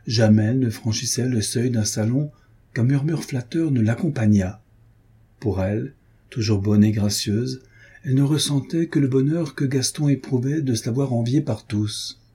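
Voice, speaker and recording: Husky, dark-voiced male narrator. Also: mid-range voice. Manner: measured, steady storytelling. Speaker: audiobook narrator. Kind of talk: literary audiobook narration.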